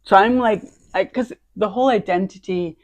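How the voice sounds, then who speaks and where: A woman's voice: mid-range voice, normal speed, a little mellow, no echo. A woman co-hosting a casual conversation, thinking aloud in short, reflective phrases. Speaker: co-host.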